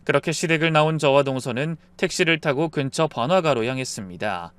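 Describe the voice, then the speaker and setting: A man narrating a dramatic family story in the first person, in a subdued, even telling. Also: fairly high pitch, brisk, smooth, no room sound.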